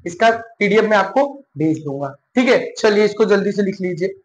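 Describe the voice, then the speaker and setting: A man teaching an English grammar live class, slowly repeating each point and asking questions he answers himself. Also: high voice, expressive. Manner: slow and repetitive, asks and answers his own questions. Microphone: live class recording. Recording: echoey room with faint noise.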